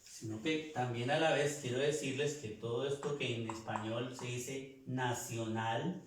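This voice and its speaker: A man teaching a language class, slowly repeating and sounding out each word for his students. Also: medium pitch, heavy reverb, slight background noise. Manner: slow, repeats words, sounds them out. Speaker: French teacher.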